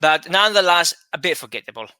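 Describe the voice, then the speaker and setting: A man co-hosting a casual chat show, talking in a chatty way and quick to laugh. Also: a little high, animated, sharp tone, smooth, no echo. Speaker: podcast co-host.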